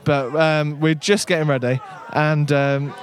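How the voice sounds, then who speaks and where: A man's voice: fairly high pitch, flat delivery, a little slow, noisy background. A man presenting a live local radio broadcast from an outdoor village fair, chatty and upbeat.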